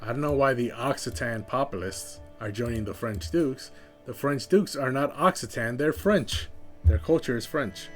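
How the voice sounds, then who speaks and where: A man's voice: medium pitch, normal speed, soft background music. A man streaming a strategy game live, thinking aloud and second-guessing his choices in a casual way.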